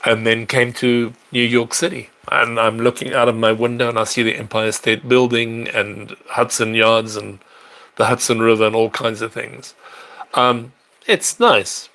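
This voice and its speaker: A man's voice: medium pitch, flat delivery, measured pace, vocal fry, fairly bright tone. Middle-aged guy chatting on his livestream, rambly, lots of ums, answers viewers. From South Africa. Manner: chatty and rambling, with fillers and self-corrections. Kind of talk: casual live-stream chat. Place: apartment in a large city.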